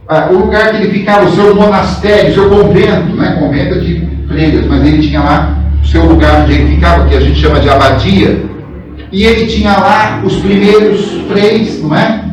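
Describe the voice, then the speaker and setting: A man from São Paulo state giving a guest talk at a spiritist center, telling a story conversationally and asking the audience questions. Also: high-pitched. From São Paulo state, Brazil. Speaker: guest speaker. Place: large hall at a spiritist center. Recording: echoey hall, mic far off.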